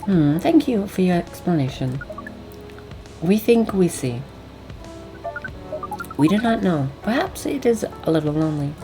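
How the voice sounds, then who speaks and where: A woman voicing a calm, formal female alien from a hive mind who speaks as "we", reading game dialogue aloud over game music. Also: on the low side, measured pace, pauses often.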